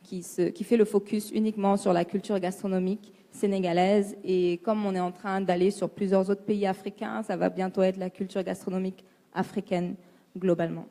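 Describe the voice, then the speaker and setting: Woman panelist, mellow and hesitant, long hall reverb. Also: mid-range voice, flat delivery, fairly quick. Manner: hesitant, many "euh"s. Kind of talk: panel self-introduction.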